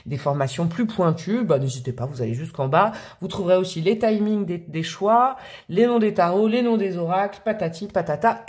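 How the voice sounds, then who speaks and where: A woman's voice: fairly low pitch, a little mellow. A woman from France hosting a casual tarot reading, chatty and bubbly with slangy, affectionate talk. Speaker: tarot reader and channel host.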